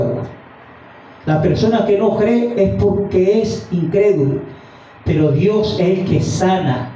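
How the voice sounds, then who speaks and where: Fervent preacher, high-pitched man, echoey and distant. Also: mellow. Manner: fervent, repeatedly addressing listeners as brother. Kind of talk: evening sermon with Bible reading. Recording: dull, roomy sound from a distant mic.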